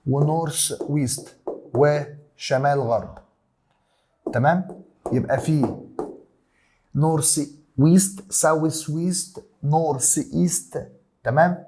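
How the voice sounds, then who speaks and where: A man's voice: fairly high pitch, slow pace, long pauses, background noise. A man with an Egyptian accent teaching a science lesson, repeating key terms and mixing in English words. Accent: Egyptian Arabic. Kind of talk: classroom lesson explanation.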